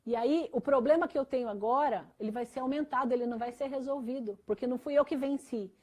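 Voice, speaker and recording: Her voice high-pitched, quick and a little mellow, a Brazilian Portuguese-accented pastor shares her testimony in a church interview. The story is personal and earnest, and she leans on many fillers.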